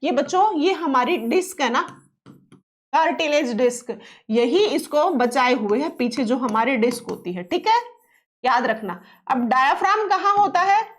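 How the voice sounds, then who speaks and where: High-pitched woman teaching a science lesson. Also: expressive, measured pace. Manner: repeats key terms, asks and answers own questions; coaxing, reassuring tone toward students. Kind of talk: exam-prep science lesson.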